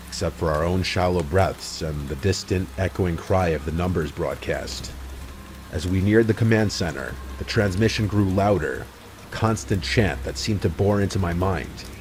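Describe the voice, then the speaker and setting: Low voiced guy reading a creepy story, slow and brooding, faint ambience. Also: darkish tone, a little hiss or hum. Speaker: horror story narrator. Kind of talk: scripted horror narration.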